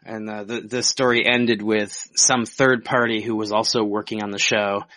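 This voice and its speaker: Sick guy on a podcast, gravelly low voice, dry close sound, just chatting. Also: level tone, normal speed, pushed and bright, no echo. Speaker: podcast co-host. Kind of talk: casual podcast chat.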